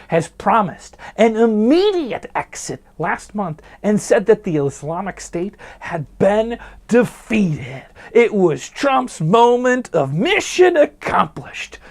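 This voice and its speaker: A man hosting a news commentary show, delivering headlines with snarky, jokey asides. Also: high voice.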